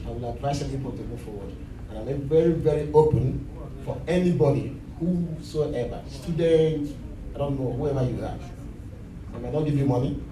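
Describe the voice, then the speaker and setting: A man giving an earnest, fatherly motivational speech to an audience. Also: mid-range voice. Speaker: guest speaker, businessman. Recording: distant mic in a hall with a crowd.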